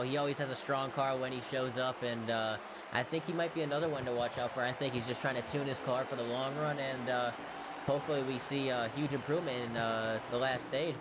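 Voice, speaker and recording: A man with a medium-pitched voice offers casual racing analysis as a color commentator. He talks informally and a little hesitantly, over clear, vehicle-like rumbling noise. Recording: very noisy audio with vehicle-like rumble.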